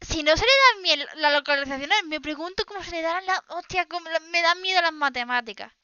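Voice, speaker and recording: A woman with a Spanish accent from Spain reacts to clips in a high, bright voice, exclaiming and laughing along. The recording is dry and a little dull, with no room sound. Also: very fast, dry recording. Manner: animated, laughs often, exclaims. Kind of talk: casual reaction commentary.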